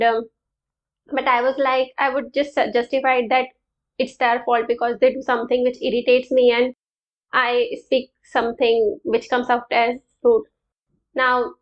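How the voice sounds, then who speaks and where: A woman's voice: sits high, lo-fi sound. A young woman vlogger talking casually to camera, telling a personal story with many ums and uhs. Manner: chatty, storytelling, frequent um and uh. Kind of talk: casual reflective talk to camera.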